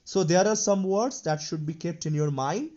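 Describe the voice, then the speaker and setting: A man's voice: on the high side, normal speed, dark tone. A man teaching a grammar lesson, explaining step by step and answering his own questions with frequent "you know" fillers. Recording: dull lo-fi recording.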